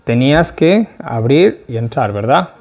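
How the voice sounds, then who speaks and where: A middle-aged man teaching an informal Bible study, talking with his group, asking them questions and slowing down to stress key words. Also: mid-range voice, animated, darkish tone. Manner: conversational, asks the group questions, tag "¿ya?".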